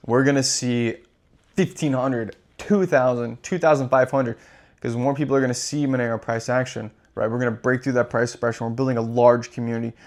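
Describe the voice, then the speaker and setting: A man's voice: medium pitch, steady tone, brisk, darkish tone. A man hosting his own channel, delivering an impassioned, profane and repetitive rant. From United States. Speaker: crypto channel host. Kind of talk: impassioned monologue.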